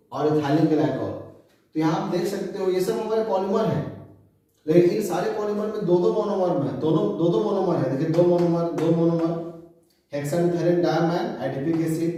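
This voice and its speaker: A man teaching chemistry in Hindi, slowly spelling out names, repeating key terms and asking questions to his students. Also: on the high side, mellow. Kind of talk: classroom lecture. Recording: very echoey room, voice far from mic.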